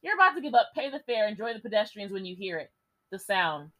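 Young woman host, lively reader with foul-mouthed asides. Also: mid-range voice, fast, rough recording. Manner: lively, swears and jokes between passages. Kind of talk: reading a gamebook aloud.

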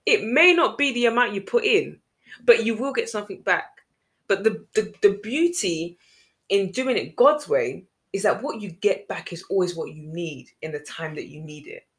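A woman in casual chat with her sister, earnest and a little preachy, repeating phrases for emphasis. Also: on the low side. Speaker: podcast host.

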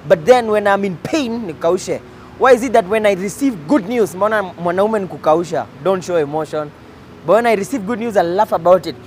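A man's voice: high voice, lively intonation, a little fast, darkish tone, slight background noise. A Kenyan-accented man giving an informal, emphatic motivational talk, mixing English with Swahili slang and repeating phrases for effect. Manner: code-switches between English and Swahili slang. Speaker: host addressing men on faith and life.

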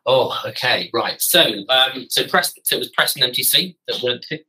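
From his garden office, a podcast guest in his thirties shares casual stories in a husky, sharp, mid-range voice with lively intonation and a moderate pace. He rambles, corrects himself and keeps things wry, and the recording quality is rough.

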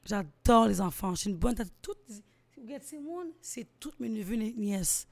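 A woman's voice: mid-range voice, moderate pace, vocal fry. Slangy Québécois woman guest. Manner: animated, slangy, mixes English phrases in. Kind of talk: casual interview chat.

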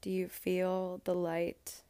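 A woman leads a guided meditation, speaking unusually slowly with long soothing pauses. Her voice sits low and stays level, with little rise and fall. The sound is close and dry. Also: monotone, clear, resonant tone, no room sound. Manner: slow, soft, soothing delivery with long pauses.

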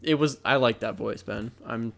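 Gravelly young man, teasing podcast banter. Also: medium pitch, normal speed, faint music behind. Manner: teasing, crude jokes, deadpan asides. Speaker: podcast co-host. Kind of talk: casual chat.

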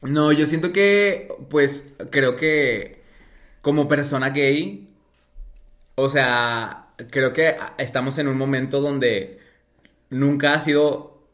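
Young mexican guy on a podcast, bright punchy voice, chatty storytelling w lots of slang. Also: mid-range voice, slow. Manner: expressive, slangy, acts out dialogue. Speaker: podcast guest. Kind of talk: casual chat, animated storytelling.

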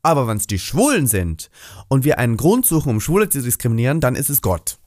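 A man's voice: medium pitch, a little fast, no room sound, studio quality. A man co-hosting a podcast, telling stories in casual chat and dropping English phrases. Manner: animated storyteller, mixes English phrases. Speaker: podcast co-host.

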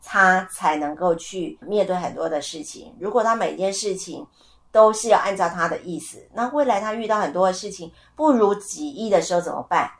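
A middle-aged woman hosting a casual solo podcast, telling stories with lively acted-out voices and asking her listeners questions. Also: fairly low pitch, a little fast. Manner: animated storyteller who asks listeners questions. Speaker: podcast host.

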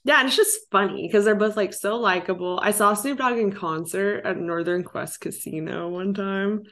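A woman's voice: medium pitch, moderate pace, a bit bright. A young woman in her twenties hosting a casual podcast chat, giggling often and saying "like" constantly. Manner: giggly, says "like" a lot. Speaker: podcast host.

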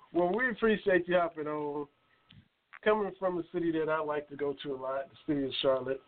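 A man hosting a sports talk show, introducing a guest in an easygoing way. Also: on the high side. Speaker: host. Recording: phone-quality audio.

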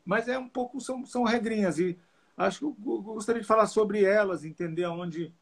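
A man's voice: sits high, a little fast, slightly rough. A man who translates song lyrics, talking casually in an interview with many restarts and hesitations. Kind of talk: casual video call interview.

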